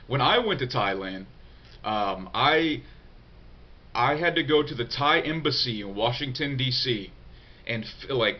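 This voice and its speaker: A young man whose voice is congested and nasal from a cold answers viewer questions in a loose, unscripted vlog full of swearing and fillers. His voice is mid-range, and the recording has its high frequencies cut off.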